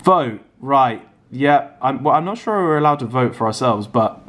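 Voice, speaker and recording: A man's voice: mid-range voice, lively intonation, moderate pace, fairly bright tone. A young man from England hosting a casual vlog at home, teasing and jokey as he talks to a handheld camera. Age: young adult. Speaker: vlogger host. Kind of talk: casual chat. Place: apartment living room indoors.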